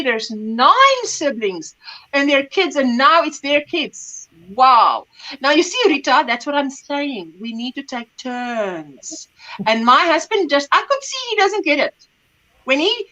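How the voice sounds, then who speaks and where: Her voice is high-pitched, pushed and bright, captured in a low-quality recording. She's a middle-aged Afrikaans speaker hosting a laid-back livestream chat, rambling, searching for words, and laughing frequently while going through the comments.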